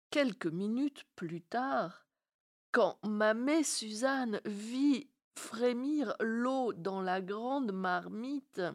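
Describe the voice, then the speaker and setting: A woman narrating a fairy tale in a slow, expressive storybook reading. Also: on the high side.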